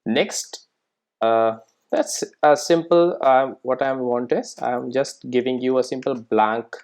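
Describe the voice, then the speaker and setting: A man leads an informal programming screencast in a mid-pitched voice with a darkish tone. He talks the learner through each step conversationally, frequently ending a sentence with a quick check-in question.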